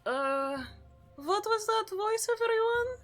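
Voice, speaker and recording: Female tabletop player, high voice, unhurried, joking and expressive, faint music behind. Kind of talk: casual chat, playful role-playing.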